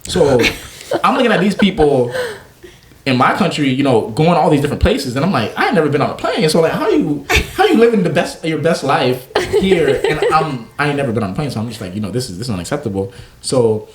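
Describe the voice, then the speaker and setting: A man's voice: a little high, fairly quick. A young adult man from Naples, Florida, a chef and food truck owner, telling stories in a casual interview and acting out the voices of the people he quotes. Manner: animated storyteller, acts out quoted voices.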